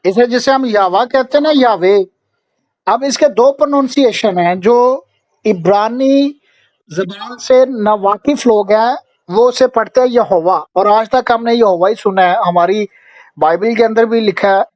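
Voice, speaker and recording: A man's voice: sits high, measured pace, darkish tone, dry recording. A man with a Pakistani Urdu accent teaching an online Bible and Hebrew lesson over a video call, patiently checking in with his students. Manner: patient, often checking in with "okay?".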